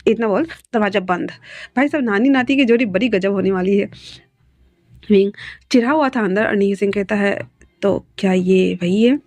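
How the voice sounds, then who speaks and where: A woman's voice: mid-range voice, normal speed, a little mellow, no echo. A woman narrating her own fan fiction, storytelling with chatty asides to listeners. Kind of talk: reading fan fiction aloud.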